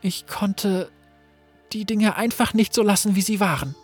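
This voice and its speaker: Man voicing a curt young woman fighter, determined, slow, husky. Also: high voice, soft background music, pitched above the performer's own voice.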